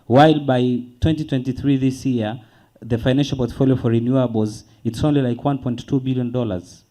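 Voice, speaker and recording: A man makes his case on a conference panel. He is earnest and asks rhetorical questions. He slows down to press key points. His voice is deep, dark and mellow. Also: steady tone, poor audio. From Tanzania. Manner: earnest, rhetorical questions, slow emphatic stress.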